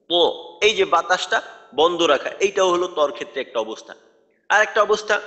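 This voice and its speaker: High-voiced man teaching letter sounds. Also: fairly bright tone, long reverb tail. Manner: patient, repeats letter sounds to demonstrate pronunciation. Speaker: tajweed teacher. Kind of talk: recorded online lecture.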